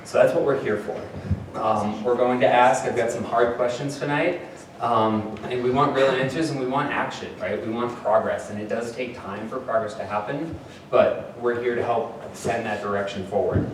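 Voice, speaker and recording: A man's voice: mid-range voice, normal speed, a little hiss or hum. Casual man moderating in an echoey hall. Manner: conversational, many fillers. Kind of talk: public meeting address. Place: community meeting room. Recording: echoey hall, mic at a distance.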